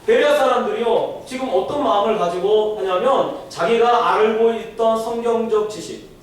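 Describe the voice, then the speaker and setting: A man preaching a sermon as pastor, telling stories and asking rhetorical questions. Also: high voice. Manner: storytelling, rhetorical questions, animated. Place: church sanctuary. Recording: echoey hall, distant mic, faint noise.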